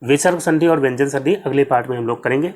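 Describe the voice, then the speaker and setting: Speaking quickly in a mid-range, slightly mellow voice, a Hindi-accented man gives an exam-prep grammar lesson. He explains each step, questions and answers himself, and frequently drops in "ठीक है."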